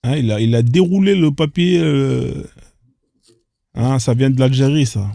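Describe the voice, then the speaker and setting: A man's voice: medium pitch, unhurried, gravelly, mellow, no echo, clean studio sound. A man hosting casual reaction commentary on odd internet clips, incredulous and firing off rhetorical questions in street slang. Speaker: host reacting to social media clips.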